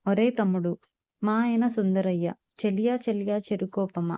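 A woman narrating a scripted biography, reading facts and long lists at a steady, even pace. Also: medium pitch, moderate pace, dry recording, dull audio.

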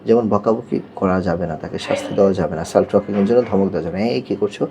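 A man's voice: deep voice, fast, a crowd in the background. A man, an occupational therapist patiently explaining techniques to parents and checking they follow. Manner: patient, repeats "yes" and checks "okay?".

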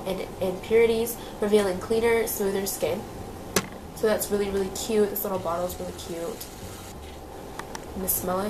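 Over a noisy background, a young woman reviews beauty products in a small room as a beauty vlogger. She has a cold that makes her mid-range voice slightly nasal, and her chatty style is packed with fillers and repetition.

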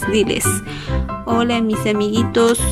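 Indoors at home, a thirty-something vlogger from Peru talks warmly about family in a casual chat full of diminutives. Her voice is on the high side, a little slow, and completely flat in delivery, with music playing in the background.

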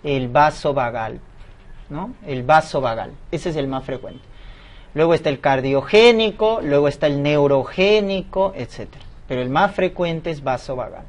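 A man's voice: a little high, lively intonation, moderate pace. A man lecturing as a medical exam tutor, asking questions aloud and answering them himself. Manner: explanatory, asks and answers his own questions.

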